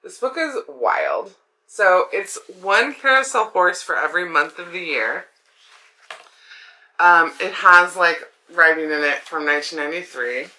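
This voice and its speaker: A woman's voice: on the low side, lively intonation, unhurried, pushed and bright. A woman with a swollen throat affecting her voice, hosting a casual craft vlog in a chatty, rambling way with enthusiastic asides. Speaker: craft video host.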